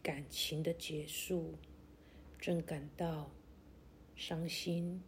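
A woman narrating a guided meditation like a sleep story, in a gentle, soothing, deliberate way with long pauses. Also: low voice, level tone, a little hiss or hum.

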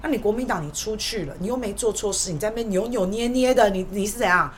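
A woman's voice: mid-range voice, fast talker, slight background noise. A woman hosts a political commentary podcast, delivering an emphatic monologue full of rhetorical questions.

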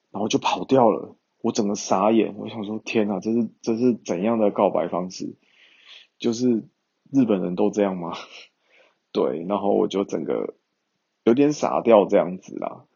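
Gravelly young man telling a story. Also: lowish voice, warm tone, dull audio. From Taiwan. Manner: chatty, rambling, many fillers. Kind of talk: casual storytelling to viewers.

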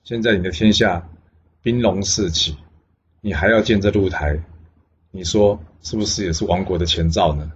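A man voicing a shrewd old male sage advisor who speaks in a measured, knowing way. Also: low-pitched, lo-fi sound, slight background noise, lightly acted. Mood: calm.

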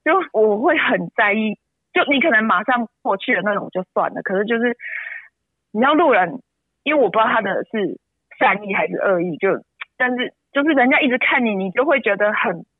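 A woman's voice: expressive, fairly quick, husky, no echo. Tearful mother on a phone line. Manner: tearful, pitch jumps high when upset. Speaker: interview guest, mother. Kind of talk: emotional personal account. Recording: tinny phone-line sound.

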